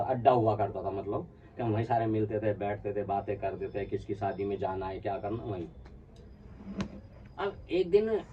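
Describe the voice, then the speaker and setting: A man's voice: mid-range voice, distant mic, dull audio, slight background noise. A man telling a casual personal anecdote, acting out what his friends said along the way. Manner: animated, acts out quoted friends. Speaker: storyteller.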